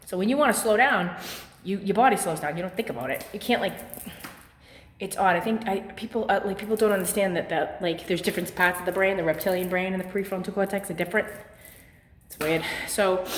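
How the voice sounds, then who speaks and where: A chatty woman talks through a home workout, filling her sentences with little asides, slightly winded from the effort. Her voice has an ordinary middle pitch. It rings through an echoey room with a long reverb tail. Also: brisk, slight background noise. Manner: chatty, filler-heavy, lively. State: slightly out of breath. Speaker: fitness vlogger. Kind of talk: casual workout demonstration.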